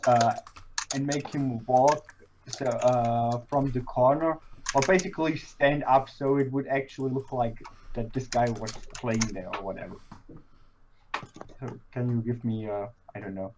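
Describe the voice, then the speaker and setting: A man's voice: medium pitch, fairly even intonation, unhurried, noisy background. A man playing in an online tabletop game, hesitant and thinking aloud as he plans a spell. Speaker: player. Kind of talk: casual game chat over voice chat.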